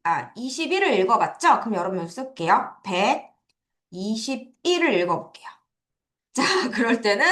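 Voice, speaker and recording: A woman's voice: fairly high pitch, a bit bright, reverberant. A woman teaching English number words to children in a recorded lesson, asking questions and answering them step by step. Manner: explains step by step with quiz questions to students. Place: classroom at an academy.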